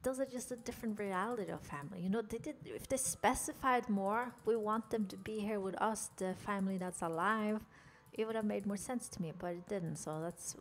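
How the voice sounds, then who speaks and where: A young Norwegian woman, a game streamer with a Norwegian accent, talks a little fast in a mid-range voice with hardly any pauses. She jokes and chats with her viewers while narrating her game character.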